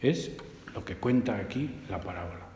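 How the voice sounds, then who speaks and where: A man from giving a homily as a priest, telling anecdotes in a lively way, often restarting his sentences. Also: lowish voice, moderate pace, echoey room, in a large hall, slight background noise. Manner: lively storytelling with frequent restarts.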